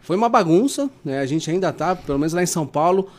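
A Brazilian Portuguese-accented man, appearing as a podcast guest who specializes in lie detection, chats casually in a slangy, informal yet earnest way. His voice is fairly high and darkish in tone, and he speaks quickly and with animation.

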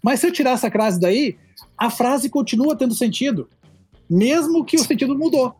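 A man's voice: extremely high pitch, expressive, normal speed, darkish tone, breathy edge, dry recording, faint music behind. A man with a Brazilian accent, a Portuguese teacher, chatting and explaining language points with playful examples. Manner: explanatory, playful, many fillers. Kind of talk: casual podcast chat.

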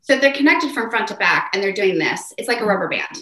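She talks fast in an echoey room: a woman with a mezzo voice, interviewed as a voice teacher. Animated and demonstrative, she shifts pitch to show what she means about technique.

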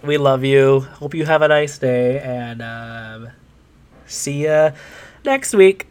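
A man's voice: medium pitch, takes it slowly, a little mellow, clear, resonant tone. An American man co-hosting a podcast in casual chat, with a nasal, sniffly voice. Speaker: podcast co-host.

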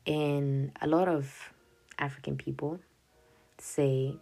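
Slow and flat, her deep voice is creaky yet warm. This young podcast host, a first-language Swahili speaker, rambles through journal notes, interrupting herself, laughing frequently and tossing out "yada yada" while faint music sits behind her.

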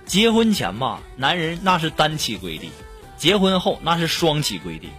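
A man's voice: on the high side, sing-song, moderate pace, a bit bright. A man performing a comic monologue and laughing through his punchlines. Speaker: comedian. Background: faint music.

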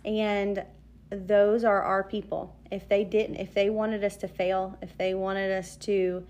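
A woman co-hosting a podcast in casual chat, chatty and quick to laugh, often restarting her sentences. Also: mid-range voice, level tone, darkish tone. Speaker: podcast co-host.

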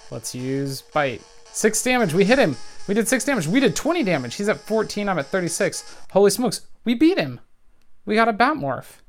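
With soft music in the background, a man whose voice sits high speaks at a moderate pace. As a let's play gamer, he gives casual, excitable play-by-play, saying each move and health count out loud.

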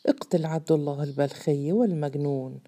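A woman's voice: low voice, fairly quick, dark tone. A woman reading the lines of a cold, domineering man who mocks and commands in a curt, hard tone.

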